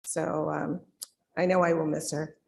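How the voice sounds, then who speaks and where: A middle-aged or older woman leads a church service, addressing the congregation in a large auditorium with long hall reverb. Her low-pitched, slightly mellow voice has vocal fry, and her delivery is flat and a little slow.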